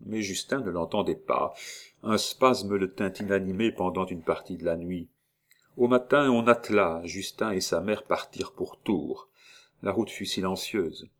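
A man narrating a classic novel as an audiobook in a measured storytelling manner. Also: sits low.

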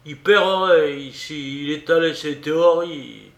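A male narrator voicing a boisterous, drunk young student in an audiobook, loud and blustering. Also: a little high, measured pace. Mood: drunken blustering. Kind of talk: audiobook character reading. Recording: roomy recording.

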